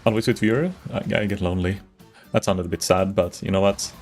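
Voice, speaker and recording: Talking fast in a low voice with fairly even intonation, this Swedish gamer chats loosely with viewers over faint background music. His live-stream talk wanders, includes greetings, and often starts over mid-thought.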